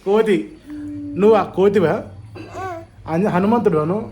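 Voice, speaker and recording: Chatty Telangana-accented vlogging mum. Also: female voice, medium pitch, moderate pace, a crowd in the background. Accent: Telangana Telugu. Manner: chatty, coaxing and teasing with the kids. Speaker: family vlogger. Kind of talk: casual home vlog, talking to camera and children.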